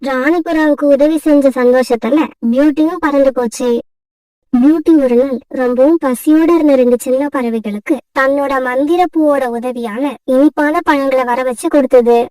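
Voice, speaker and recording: A woman narrating a children's cartoon story in a steady storytelling manner. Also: high voice, moderate pace, no room sound, distant mic, low-quality recording.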